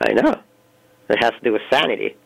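A man calling in to a radio talk show over the phone, chatting in a relaxed, easygoing way. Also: mid-range voice, fast talker, vocal fry, dry recording, low-quality recording. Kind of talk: casual chat.

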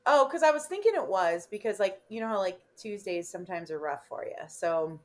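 A woman from Illinois with a Chicago accent, telling an adventure story in a loose, animated chat. She swears freely and keeps breaking into laughter, her voice sitting in a middle pitch. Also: a little fast. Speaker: podcast guest.

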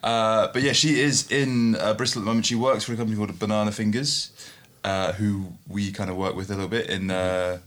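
Male podcast co-host, gravelly and lowish, loose conversational delivery that circles back on itself. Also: fairly even intonation, a little fast, fairly bright tone. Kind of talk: casual chat.

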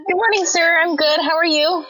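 A woman voicing an eager little girl who answers in a squeaky, giggly way. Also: steady tone, fairly quick, sharp tone, faint music behind.

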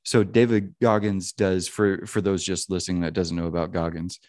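A man in his early thirties talks in a loose, rambling way, swearing casually and checking in with "you know what I mean." His voice sits very low. The sound is dry and close, with no room around it. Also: flat delivery, normal speed, darkish tone, dry recording. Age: 30s. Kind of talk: casual chat.

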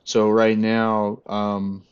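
A man's voice: lowish voice, completely flat delivery, extremely slow, smooth. A man who organizes airsoft games, chatting casually on a podcast in a rambling, laid-back way with lots of fillers. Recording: dull lo-fi audio.

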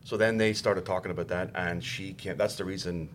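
Irish man, very low voice, stumbling casual chat, faint rumble behind. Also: fairly even intonation. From Ireland. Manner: halting, repeats words, self-deprecating. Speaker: guest actor.

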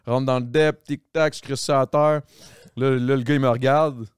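A man's voice: medium pitch, steady tone, normal speed, clean tone, dry recording, studio quality. A man with a Quebec French accent hosting a podcast, telling rambling anecdotes full of slang and swearing. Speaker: podcast host. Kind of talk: casual podcast chat.

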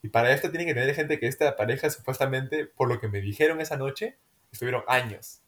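A young man with a Peruvian Spanish accent, casually telling a party story on a podcast and acting out the dialogue in an animated, slangy way. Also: medium pitch, quick pace. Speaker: podcast co-host.

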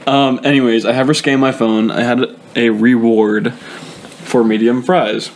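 A young man from the United States co-hosting a podcast in casual chat, joking in a deadpan, mock-dramatic way. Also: mid-range voice, unhurried, slight background noise. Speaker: podcast co-host.

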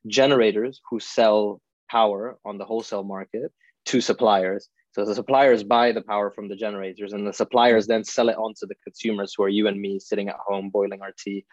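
Here a young man who grew up in Italy after being born in India chats on a podcast, explaining through ordinary examples and frequent "you know"s. His pitch is fairly low, his intonation fairly even, and he speaks fairly quickly. There's no echo, but the sound is lo-fi.

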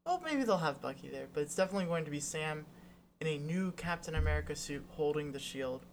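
A mid-pitched podcast co-host speculates in a lively, casual way. Faint noise sits under the voice. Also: quick pace. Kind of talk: casual chat.

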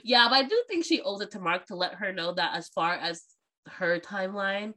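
A woman co-hosting a casual book podcast, animated and laughing often as she discusses chapters. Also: medium pitch, moderate pace. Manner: animated, laughing, swearing freely.

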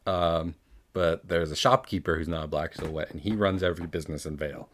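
Low voiced guy co-hosting a recap, casual and swearing, does little quote voices. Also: steady tone, fairly bright tone. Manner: loose, swears freely, acts out quotes in quick voices. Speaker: podcast co-host.

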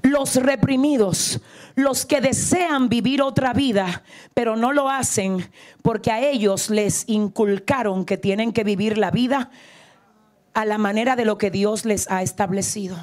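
A woman pastor, preaching a sermon in a church and moving from soft pleading to shouting. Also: a little high, a little slow. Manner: passionate, shifts between soft pleading and shouting. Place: church sanctuary.

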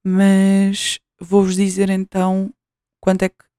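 A woman's voice: mid-range voice, monotone, takes it slowly, warm tone, clear, resonant tone, no room sound, studio quality. A young woman with a European Portuguese accent, chatting casually in a home vlog and testing a new cheap microphone. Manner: chatty, scattered, frequent fillers and restarts. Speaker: vlogger. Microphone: new cheap USB mic, placement shifting.

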